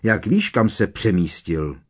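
A man voicing a teenage witch girl who argues her point in a shrill, insistent way. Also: sing-song.

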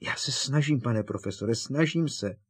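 A man voicing a desperate teenage boy wizard who begs and coaxes in a raised, strained, husky voice. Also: medium pitch, big pitch swings. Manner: urgent, begging, raised and strained.

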